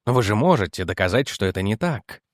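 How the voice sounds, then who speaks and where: A man's voice: animated, fairly quick, dry recording, clean studio sound, close to an everyday voice. A man reading aloud as a firm, persistent male investigator who presses his argument. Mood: pressing. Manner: firm, pressing, lowered in pitch.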